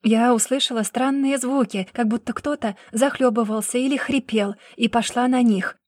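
A woman's voice: fairly high pitch, steady tone, moderate pace, no echo, clean studio sound, lightly acted. A woman voicing a desperate young pregnant wife who pleads that she is innocent. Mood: pleading. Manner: pleading, breathless protests.

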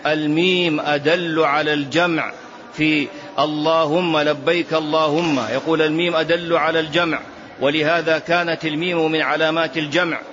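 Man teaching a lesson, higher-pitched voice. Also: little pitch movement, normal speed, fairly bright tone. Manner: repeats key phrases for emphasis, sometimes draws them out in a chant. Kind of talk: classroom explanation of a text. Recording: dull lo-fi lesson recording.

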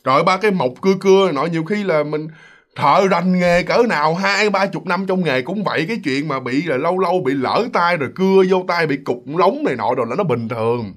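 A man's voice: on the high side, brisk. A man narrating a ghost story in a chatty way, talking straight to his listeners. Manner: chatty, addresses listeners directly. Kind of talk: casual storytelling.

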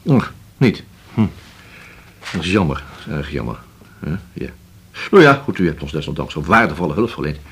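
An actor playing a shrewd police inspector who questions slowly and keeps humming to himself. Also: male voice, rumbling low, sing-song, a bit bright, husky, heavily acted. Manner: slow, probing, drawn-out with many hums. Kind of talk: radio drama acting.

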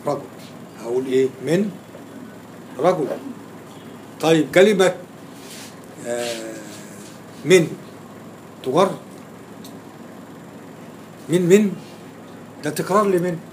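Egyptian-accented male grammar teacher, slightly high voice, questions the class, faint room hiss. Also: animated, slow, long pauses. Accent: Egyptian Arabic. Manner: quizzing students, repeating and stressing key words. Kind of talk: classroom lecture with questions to students.

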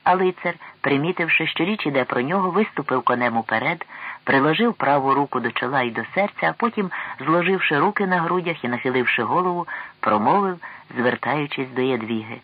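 A man reading a historical novel aloud as an audiobook narrator, measured and expressive. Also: fairly high pitch, breathy edge, no echo, lo-fi sound. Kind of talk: scripted narration.

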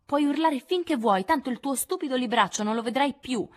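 A woman reading an audiobook, voicing a spiteful younger girl with a high, defiant, taunting voice. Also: very animated, a little fast. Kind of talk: audiobook character voice.

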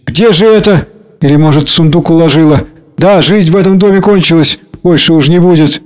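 A man's voice: a little high, a little fast, darkish tone, voice pushed up, close to an everyday voice. A man voicing a weary young woman. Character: young woman, anxious adopted daughter.

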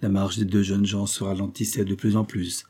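A man reading a classic novel aloud in a measured, even storytelling manner. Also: low-pitched, breathy edge. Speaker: audiobook reader.

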